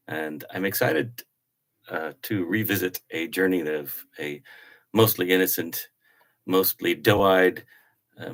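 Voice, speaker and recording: Man, middle-aged, very low voice, casual diary reading, chatty with fillers. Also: fairly bright tone. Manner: chatty, with fillers and self-corrections. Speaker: vlogger reading his old travel journal.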